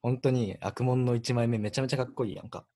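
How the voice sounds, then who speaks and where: A man in his twenties with a Kansai accent, a band member telling a story in a relaxed, self-mocking way on a casual radio chat. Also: mid-range voice, fast. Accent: Kansai Japanese.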